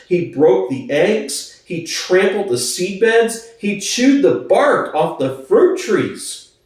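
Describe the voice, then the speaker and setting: An audiobook narrator with a slightly high, slightly mellow voice reads a classic novel aloud as dramatic scripted narration. He sits distant from the mic in a very echoey room.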